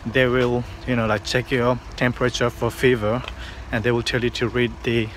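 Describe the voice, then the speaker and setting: A man in his thirties talks to a phone held at arm's length, rambling through fillers and restarts. His voice stays flat and even in pitch. Street and car noise comes through clearly behind him. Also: normal speed. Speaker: vlogger. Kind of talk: casual vlog to camera. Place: outdoors on city streets, partly in a car.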